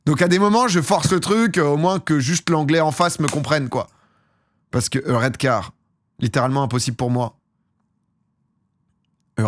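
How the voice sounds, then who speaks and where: A man's voice: mid-range voice, no echo, clean studio sound. A young man from France chatting casually on a live stream, rambling and slangy, often laughing at himself. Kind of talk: casual chat with chat viewers.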